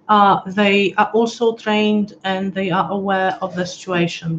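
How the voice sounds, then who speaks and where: This webinar host speaks in a mid-range voice over dull audio carrying some faint hiss or hum. Broadcasting live from her home with a pet close by, she gives a chatty, hesitant walkthrough full of restarts, her voice slightly strained as it starts to go.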